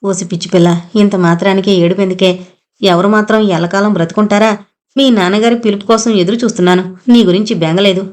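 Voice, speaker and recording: A woman voicing a frail, ailing older mother who speaks softly and tenderly, in a storybook reading. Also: mid-range voice, steady tone, fast talker, natural voice. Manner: soft, tired and tender.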